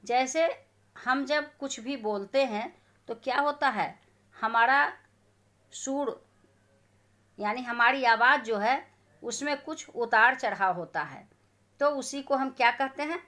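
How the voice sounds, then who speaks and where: A woman's voice: high voice, slow pace, pauses often, bright, forceful tone. A woman teacher giving a grammar lesson to schoolchildren, asking questions and answering them herself.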